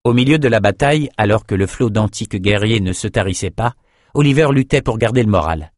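A man reading a fantasy story aloud as narrator, in a measured, dramatic way. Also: on the low side, expressive, no room sound, studio quality.

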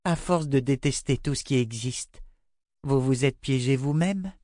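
A man reading an audiobook, voicing a frightened but brave young girl with a soft, careful manner. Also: mid-range voice, a little slow, no echo, clean studio sound, voice pushed up, lightly acted. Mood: cold, firm. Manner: timid, then coldly firm.

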